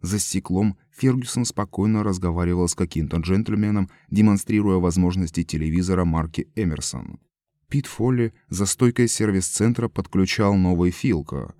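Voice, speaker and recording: Deep-voiced man narrating an audiobook. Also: dry recording, studio quality. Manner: measured, even storytelling.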